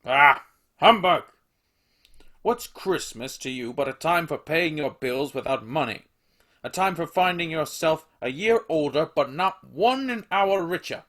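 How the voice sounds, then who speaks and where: An actor playing Scrooge, a bitter, scornful old miser who dismisses everyone with gruff outbursts. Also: male voice, fairly high pitch, lively intonation, a little slow, a bit bright. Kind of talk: amateur radio play acting.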